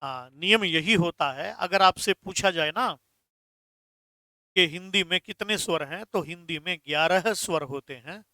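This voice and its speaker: A man's voice: sits high, unhurried, bright, forceful tone, no room sound, studio quality. A man teaching a Hindi grammar class online, stressing key words and answering viewers' comments.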